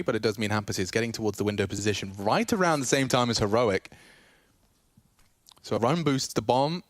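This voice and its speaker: Guy esports caster calling a shooter match live, clipped phrases, noisy background w clicks. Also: on the low side.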